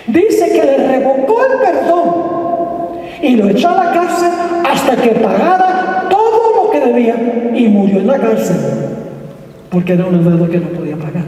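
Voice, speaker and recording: A man's voice: extremely high pitch, mellow. A male pastor giving an emphatic sermon, asking his congregation questions as he goes. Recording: echoey hall from far off.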